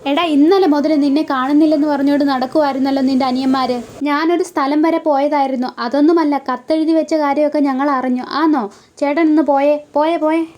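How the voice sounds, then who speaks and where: A woman's voice: high voice, fairly even intonation, brisk, a little mellow. A woman retelling a TV serial episode. She speaks every character's lines in turn and adds short asides saying who is talking.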